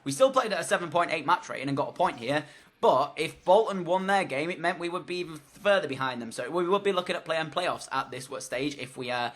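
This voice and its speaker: Hoarse from losing his voice, a man provides voice-over commentary on his own football video game match, rambling along in chatty play-by-play with plenty of fillers. His voice runs on the high side, animated, fairly quick, and a bit bright, in the style of a gaming commentator.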